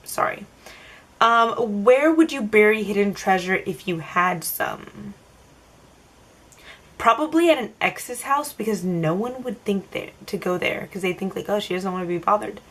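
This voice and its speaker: A woman's voice: medium pitch, animated, unhurried, fairly bright tone. A young woman vlogger answering random tag questions to the camera in a casual, rambling way, full of "like" and "um". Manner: chatty, filler-heavy, self-answering rambles.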